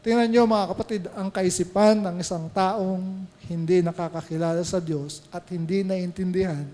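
A man's voice: high-pitched, fairly even intonation, normal speed, mellow, in a large hall. A male pastor with a Filipino accent preaching a sermon, switching between Tagalog and English and asking the congregation questions. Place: church sanctuary.

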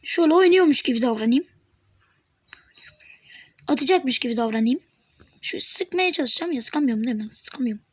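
A woman giving live gameplay commentary on her channel, excitable and teasing, talking back at the game as she plays. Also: high-pitched, a little fast, pauses often, breathy edge. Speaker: gaming channel host.

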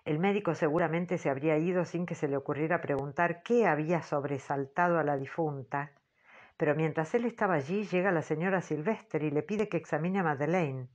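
A woman reading an audiobook in a measured, low-key way, on a dull, muffled recording. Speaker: audiobook narrator. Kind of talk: scripted literary narration.

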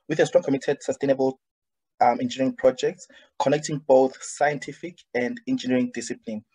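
A young man hosting a webinar over a video call, reading a guest's bio with frequent ums and pauses. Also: medium pitch, warm tone, poor audio. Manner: hesitant, many ums. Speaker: webinar host. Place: indoor room, padded wall behind. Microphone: video call webcam.

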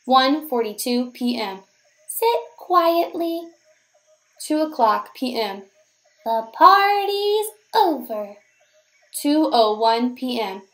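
This is a teacher reading a children's picture book aloud in a high-pitched female voice. The delivery is expressive and carefully paced, the way you'd tell a story to little ones.

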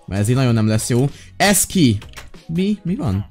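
A man playing a flustered kindergarten teacher in a game while commenting, excitable and prone to frantic, repeated pleading. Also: mid-range voice, soft background music. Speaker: gaming YouTuber. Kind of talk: Minecraft role-play commentary.

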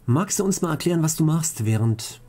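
A man's voice: on the high side, expressive, a little fast, warm tone. A man hosting a let's play, casually commentating and joking while reading out chat questions.

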